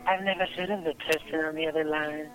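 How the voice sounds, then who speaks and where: A woman calls in to a comedic call-in show. She talks in a flirty, brassy, sassy way, in a slightly low voice. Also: steady tone, quick pace, soft background music, rough recording. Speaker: caller.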